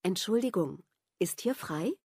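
A woman reading phrases for a language lesson in a measured way, announcing each item. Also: mid-range voice, expressive, a little mellow, slightly rough, dry recording, studio quality. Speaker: lesson reader.

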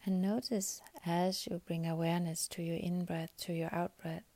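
A woman guiding a meditation in a soft, breathy, half-whispered, calming voice, speaking in short phrases with long pauses. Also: on the low side, no echo. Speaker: meditation guide. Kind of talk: guided meditation.

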